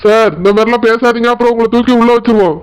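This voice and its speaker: Cartoon cop, stern and threatening, rapid and squeaky-high, voiced by a man. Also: steady tone, smooth. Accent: Tirunelveli Tamil. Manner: firm, threatening. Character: stern brisk village policeman.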